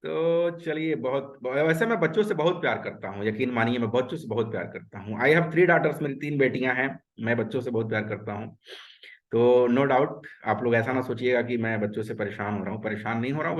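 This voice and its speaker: A man from Uttar Pradesh, India, teaches an online webinar over a video call, speaking earnestly and repetitively while mixing English words into his speech. His mid-range voice is brisk, and the audio sounds dull.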